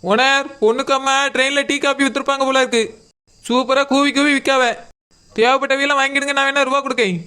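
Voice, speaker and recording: A woman voicing a nosy woman who has come to see the bride, teasing with rapid questions. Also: sits high, flat delivery, bright, forceful tone, voice pushed down.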